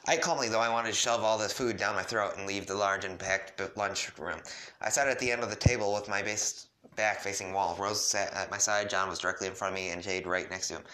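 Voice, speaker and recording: A man casually reading a first-person story aloud, relaxed, stumbling and correcting himself now and then. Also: lowish voice, brisk. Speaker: reader of fan fiction.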